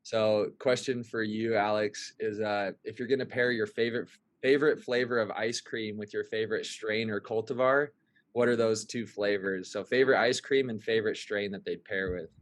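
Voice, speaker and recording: A man hosting a webinar panel, relaxed and easygoing, with lots of ums. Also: fairly low pitch, normal speed. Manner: relaxed, easygoing, filler-heavy. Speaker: webinar host. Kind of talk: casual hosting. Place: remote webinar call. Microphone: video call.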